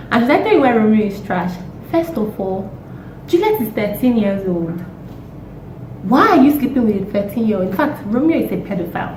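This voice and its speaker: A young woman, hoarse from a cold, chatting casually and emphatically as a vlogger with exasperated rhetorical questions. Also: on the high side, a little mellow. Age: young adult. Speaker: YouTube vlogger. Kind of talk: casual opinionated chat. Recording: roomy echo, distant mic, faint noise.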